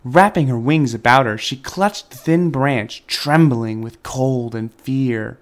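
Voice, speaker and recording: A man reading a children's picture book aloud in a gentle, expressive storytelling manner. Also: medium pitch, slow. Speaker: storybook reader, dad.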